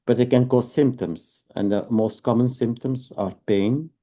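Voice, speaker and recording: A man from Belgium in his fifties, a fertility doctor with a Belgian accent, explains matters carefully step by step in an interview and adds tag questions along the way. His mid-range voice is warm and a little slow.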